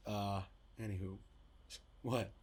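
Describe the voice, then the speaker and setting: A man's voice: lowish voice, fairly even intonation, takes it slowly, a little mellow, breathy edge. A young man co-hosting a casual podcast chat, joking and a little self-deprecating. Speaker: podcast co-host.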